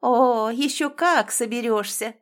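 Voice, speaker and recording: A woman's voice: a little high, moderate pace, close to an everyday voice. Audiobook: woman reading as a cold, commanding stepmother, raised and cutting. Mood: gloating. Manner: sharp, scolding and commanding. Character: scheming domineering stepmother, middle-aged woman.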